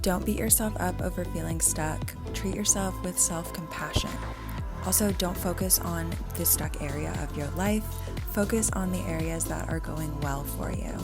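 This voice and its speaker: A woman's voice: lowish voice, moderate pace. A woman talking in a chatty, informal way, like a lifestyle vlogger sharing her day and tips. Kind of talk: casual vlog chat and tips to camera. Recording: music behind the voice. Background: background music.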